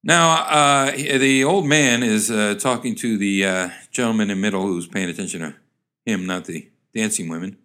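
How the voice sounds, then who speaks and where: A man's voice: on the low side, normal speed, pushed and bright. A man describing old cartoon pictures and reading corny jokes aloud, rambling with fillers and hamming up the quoted lines. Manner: rambling, chuckling, hammy voices for quoted characters. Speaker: comedic reader of old joke cartoons. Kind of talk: ad-libbed comic commentary and joke reading.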